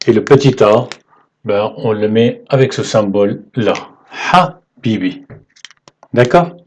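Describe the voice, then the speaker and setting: A man teaching the alphabet in French, patient and halting, often checking in with "ok?" as he writes. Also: on the low side, steady tone, a little mellow. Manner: slow, halting delivery with fillers. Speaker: Arabic teacher. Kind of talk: whiteboard lesson explaining letters.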